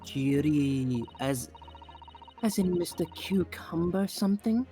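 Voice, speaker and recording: A condescending courtroom rival, acted by a man in a game. The voice is haughty and disdainful, with measured scorn over faint music. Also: a little high, animated, mellow.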